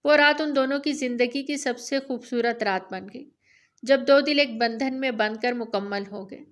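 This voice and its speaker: A woman narrating a romance novel aloud in a steady, even storytelling manner. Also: fairly high pitch.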